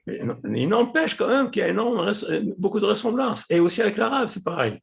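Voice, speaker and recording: A man teaching a class, explaining patiently, repeating words and pausing often with hesitations. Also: sits high, gravelly. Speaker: Hebrew teacher.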